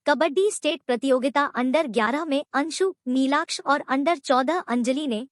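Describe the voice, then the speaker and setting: Female news narrator, formal scripted read, high voice, dry close sound. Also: no room sound. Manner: formal, reading out long lists of names. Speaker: voice-over narrator.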